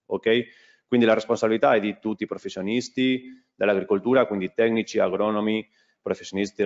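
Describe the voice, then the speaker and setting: Low-voiced man presenting in Italian. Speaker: conference speaker, agricultural product specialist. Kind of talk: conference presentation. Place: conference hall at a lectern. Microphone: lectern gooseneck microphone. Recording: dull, muffled lecture-hall sound.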